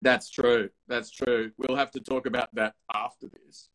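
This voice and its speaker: A man's voice: mid-range voice, level tone, a little slow, a bit bright, poor audio. A man hosting a casual chat show, asking long, rambling questions full of restarts and effusive praise. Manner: rambling, effusive, stumbling over words. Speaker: show host.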